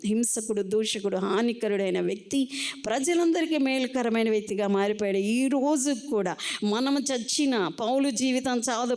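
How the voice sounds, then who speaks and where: Fervent woman pastor with a high voice. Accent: Telugu, Andhra. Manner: preaching fervently, rising to loud high exhortations. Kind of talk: sermon.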